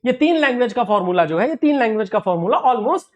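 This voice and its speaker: A male exam-prep teacher lecturing in an animated, argumentative way. He leans on rhetorical questions and speaks straight to his viewers. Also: very high-pitched, fast talker.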